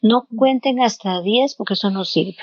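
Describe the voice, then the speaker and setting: A woman's voice: mid-range voice, moderate pace, darkish tone, no room sound. A woman guest giving counseling advice in an interview, explaining step by step and repeating words as she searches for them. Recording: dull lo-fi, dry sound.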